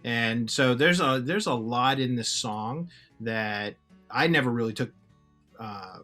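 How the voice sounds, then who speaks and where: A male co-host speaks at an ordinary mid pitch, piecing his thoughts together hesitantly. Quiet guitar music runs underneath his casual talk. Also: takes it slowly. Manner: hesitant, many fillers and restarts while recounting. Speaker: podcast co-host. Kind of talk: casual chat.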